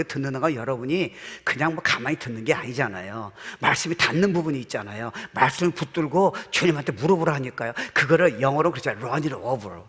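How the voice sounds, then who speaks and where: A middle-aged male pastor preaching a sermon in a church, animated, slipping in English phrases and shouting amens. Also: mid-range voice, husky, long reverb tail. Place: church sanctuary.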